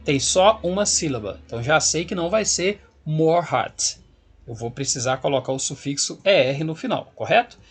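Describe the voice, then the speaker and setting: A man's voice: a little high, lively intonation, moderate pace, husky. A man teaching an English grammar lesson, explaining rules patiently and checking in often with a rising "ok?".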